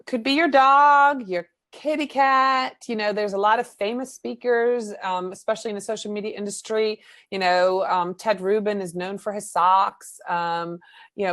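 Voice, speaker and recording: A woman from the Netherlands with a Dutch accent, a marketing coach chatting as a guest on a video interview, animated and full of fillers. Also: medium pitch, dry recording. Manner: chatty, animated, fills with "um" and "you know".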